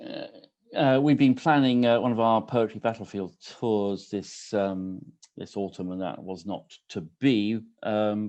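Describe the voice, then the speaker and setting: A man's voice: on the low side, warm tone. A man in his sixties hosting an online poetry reading from his home kitchen over a video call, speaking casually with many ums and restarts. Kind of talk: casual welcoming remarks. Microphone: computer on a video call.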